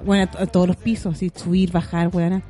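A woman with a Chilean accent co-hosting a radio show in casual, slangy chat, telling animated stories and acting out what people said. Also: on the low side, quick pace, faint music behind. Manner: animated storyteller, slangy, acts out quoted voices.

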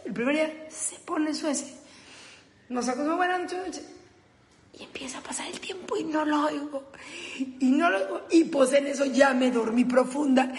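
A Mexican woman telling a comic story in a lively, laughing way, with crude slang and acting out the dialogue herself. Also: sits high, reverberant, in a large hall. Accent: Mexican Spanish. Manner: animated, laughing, crude slang, acts out both sides of the dialogue.

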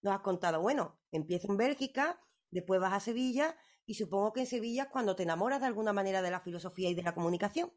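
A woman's voice: medium pitch, animated, quick pace. A woman, interviewing a guest on the radio with enthusiasm.

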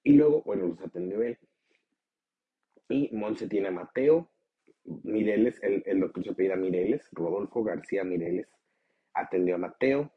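A man's voice: lively intonation, normal speed, pauses often, slightly rough, narrow, tinny audio. A man with a Mexican accent hosting a motivational podcast, talking bluntly with lots of swearing and pushy challenges to the listener. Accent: Mexican Spanish. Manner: blunt, profane, swings into high mocking voices. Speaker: podcast host.

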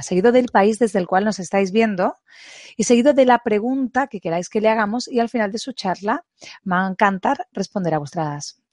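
A woman's voice: mid-range voice, darkish tone, no echo, clean studio sound. A woman with a Spain accent presenting a scripted introduction to an online conference.

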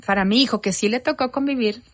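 A woman's voice: on the high side, quick pace, no echo, studio quality. A woman, telling an interviewer the story of her own family. She tells it with energy and acts out the conversations she quotes. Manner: animated storytelling, acting out quoted dialogue.

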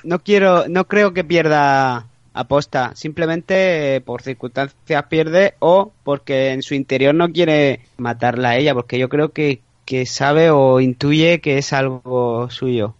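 Man, podcast co-host, hesitant theorizer, mid pitch, dry muffled mic. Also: takes it slowly, few pauses, no room sound. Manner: theorizing, hesitant with many fillers. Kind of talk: casual chat.

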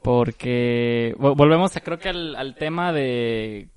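A man's voice: medium pitch, takes it slowly, clean tone. A man telling a story to friends in casual, slangy talk, acting out the other people's voices. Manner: animated, slangy, acts out the voices in his story. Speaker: podcast co-host.

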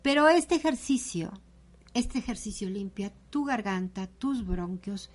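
A woman, a yoga teacher calmly guiding a breathing exercise as a guest. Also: medium pitch, a little slow. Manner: calm, instructive, gentle.

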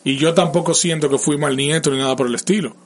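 A man's voice: on the high side, fairly even intonation, quick pace. A man, a parent, talking in a casual conversation and earnestly giving advice straight to listeners about feelings and family. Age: adult parent. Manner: emotional and open about feelings.

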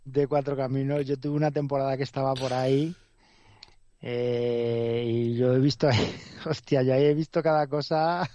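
A man giving opinions in a measured, conversational way during casual chat. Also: mid-range voice, steady tone, warm tone, no room sound. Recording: slightly muffled dry recording.

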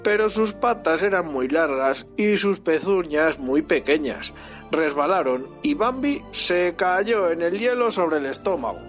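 A man's voice: a little high, unhurried, dull audio, soft background music. Man reading a storybook aloud. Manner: animated, expressive bedtime-story reading. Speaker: father reading to his child.

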